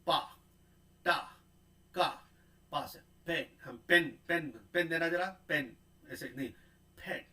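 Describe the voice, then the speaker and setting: A man giving a pronunciation lecture, repeating sounds and words slowly and often checking in with a tag question. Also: on the high side, pushed and bright, poor audio.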